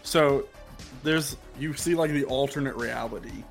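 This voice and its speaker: A man's voice: mid-range voice, measured pace, gravelly, faint music behind. A man narrating as game master of a tabletop game, rambling and filling his sentences with "like". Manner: rambling, heavy use of "like".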